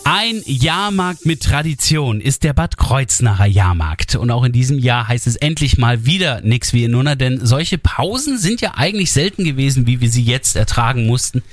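A man's voice: mid-range voice, expressive, normal speed, hardly any pauses, no room sound, faint music behind. A man from northern Germany hosting a regional radio talk, asking chatty questions with fillers. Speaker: radio host. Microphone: studio microphone.

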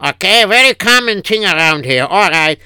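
A man's voice: sits high, animated, moderate pace, pushed and bright, clean tone, no room sound, studio quality, exaggerated voice. A man playing a fretful Yiddish-accented husband. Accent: Yiddish-inflected English. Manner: kvetching, sighing oy vey. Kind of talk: improvised comic radio story.

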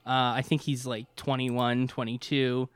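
A man's voice: medium pitch, little pitch movement, measured pace, clean tone, no echo. A man hosting a casual sports podcast, talking bluntly and sarcastically and swearing freely. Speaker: podcast host.

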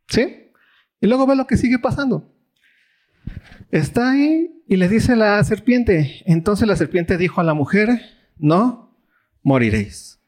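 A man with a Mexican Spanish accent leads a Bible study in a relaxed, conversational sermon style. He frequently poses questions to the audience and acts out quoted voices, swinging his pitch widely as he does.

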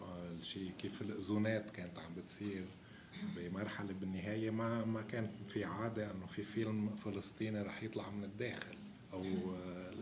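A man with a Lebanese Levantine Arabic accent, asking questions as the interviewer in a film discussion. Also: sits low. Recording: echoey room with loud noise.

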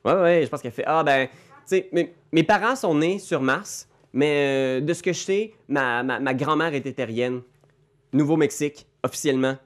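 A man voicing a young woman born on Mars, talking in a halting, casual way. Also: a little high, natural voice.

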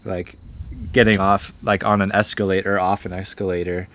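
A man talking casually on a podcast, relaxed and trailing off with lots of fillers. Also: low voice, normal speed. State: groggy from cold medicine. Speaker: podcast guest. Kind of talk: casual chat.

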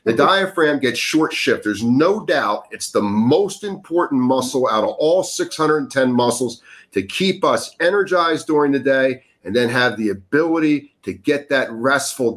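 A man with a mid-range voice talks in an earnest, coaching way during a relaxed podcast chat. He leans into his points and grows more emphatic as he explains. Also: mid-range voice, unhurried. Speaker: breathwork guest. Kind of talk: casual podcast conversation.

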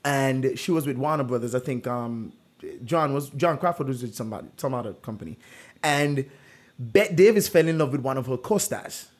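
Speaking at normal speed in a mid-range voice, a man hosts a casual true-or-false quiz. He tells stories with animation and plenty of "like."

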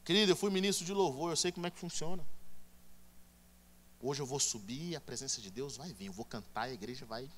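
Bright-voiced preacher man. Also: mid-range voice, quick pace. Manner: emphatic, swings from hushed to loud. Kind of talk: sermon.

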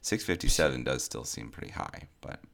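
A man co-hosting a fantasy baseball podcast in casual chat, dry and deadpan, rattling off stats. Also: very deep voice, brisk.

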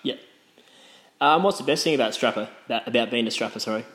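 A man's voice: mid-range voice, fast talker, fairly bright tone. An Australian man conducting a casual interview, asking questions in a friendly, somewhat hesitant way.

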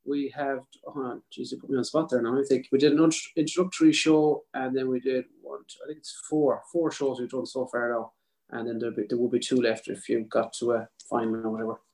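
A man's voice: mid-range voice, steady tone, quick pace, darkish tone, rough recording. A man with a South Mayo accent from the west of Ireland, chatting casually and easily as an interview guest on a video call. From County Mayo, Ireland. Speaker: podcast guest, country singer.

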